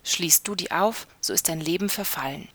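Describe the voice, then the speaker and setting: A woman's voice: on the low side, moderate pace, fairly bright tone, no room sound. A woman reading a fairy tale aloud, voicing a stern, threatening nobleman who murders his wives. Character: menacing wife-killing nobleman, Bluebeard. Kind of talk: storybook reading.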